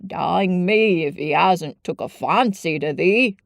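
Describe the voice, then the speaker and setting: Woman doing a gruff old Yorkshire gardener. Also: fairly low pitch, no room sound, studio quality. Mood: amused. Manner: slow, dialect-heavy, grumbling.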